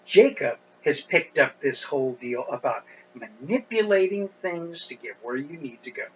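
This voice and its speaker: A middle-aged man preaching an expository sermon as a pastor, speaking deliberately and pushing up his voice on stressed points. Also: on the high side, animated. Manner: deliberate, with emphatic rising stresses. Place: church sanctuary. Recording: dull lo-fi recording with faint hum.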